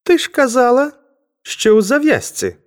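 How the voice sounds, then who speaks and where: A woman's voice: fairly high pitch, very animated, moderate pace, pitched above the performer's own voice. A woman voicing an anxious young man who talks hesitantly and pleads. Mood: flat. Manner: hesitant, wheedling.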